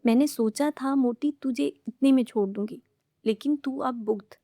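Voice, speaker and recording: A woman's voice: sits high, normal speed, warm tone, no echo, studio quality. A woman voicing a bold young female student who is bossy and playfully teasing as she talks. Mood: scrappy.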